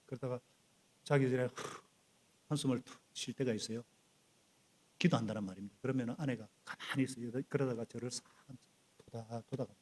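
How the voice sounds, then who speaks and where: Husky-voiced male pastor preaching. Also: mid-range voice, brisk, pauses often. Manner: animated preaching, prompting the congregation to repeat and act along. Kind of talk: sermon. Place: church sanctuary.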